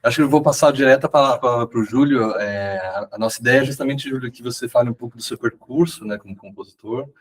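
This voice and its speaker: A man's voice: mid-range voice, brisk, few pauses. A man moderating a public talk, handing the floor over in a loose manner with fillers. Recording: voice heard from a distance.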